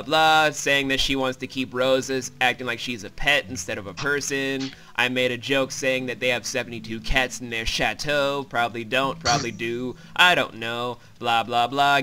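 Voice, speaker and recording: A man with a sharp, mid-range voice hosts a crude, joking, irreverent recap of a video game, calling himself a comedic voice actor. Game music plays underneath, along with a bit of hiss or hum.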